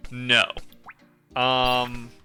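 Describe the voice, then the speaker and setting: A man's voice: medium pitch, monotone, drawn-out words, pushed and bright, soft background music. A man hosting a let's play, chatting casually and rambling about the game. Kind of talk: casual gameplay commentary.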